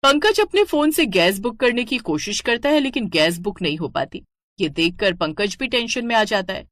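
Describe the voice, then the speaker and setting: A woman's voice: medium pitch, moderate pace, dry recording, clean studio sound. A woman narrating a cartoon moral story. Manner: steady storytelling.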